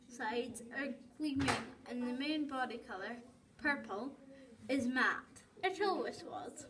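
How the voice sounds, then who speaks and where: A woman reading her own story aloud, slowly and haltingly, with restarts. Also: high-pitched, rough recording. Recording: voice from off the mic, people chattering behind.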